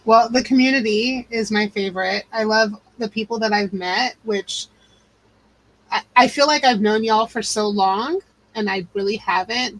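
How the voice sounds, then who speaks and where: A middle-aged woman hosting a casual live stream chat, animated and chatty. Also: medium pitch, poor audio. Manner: animated, chatty, says y'all. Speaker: channel host.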